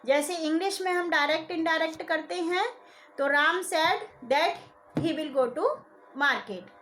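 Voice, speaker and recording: A woman lecturer giving a recorded lesson, explaining clearly and stressing key terms. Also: extremely high pitch, slow, a bit bright.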